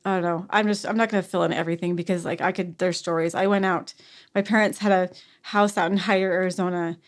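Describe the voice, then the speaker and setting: This podcast guest, a woman in her forties, relates a personal story in conversation in a fairly low, steady voice. She speaks softly and haltingly, often sighing and starting over.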